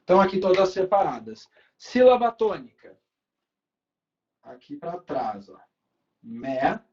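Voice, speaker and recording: A male teacher with a Brazilian Portuguese accent, giving a grammar lesson at a board, drawing out key words slowly and often checking in with the students. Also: high voice, big pitch swings, a little mellow, dull audio.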